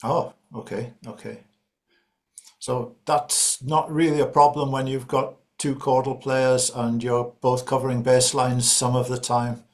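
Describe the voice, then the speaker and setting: A man's voice: mid-range voice, flat delivery, a little slow. A man interviewing a guitarist, asking long, knowledgeable questions.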